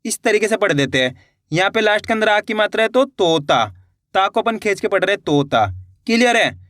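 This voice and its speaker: A man teaching a beginner reading lesson, sounding out words slowly syllable by syllable and talking directly to his viewers. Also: sits high, fairly bright tone, no echo, clean studio sound. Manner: slow syllable-by-syllable spelling, addresses viewers as friends. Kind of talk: video lesson.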